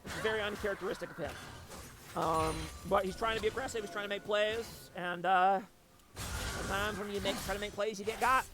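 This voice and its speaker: A man casting a live esports match, calling the plays and getting excited in the fights. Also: high voice, brisk. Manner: excitable, rises sharply during fights. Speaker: esports caster. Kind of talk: live play-by-play commentary. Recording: loud music under the voice.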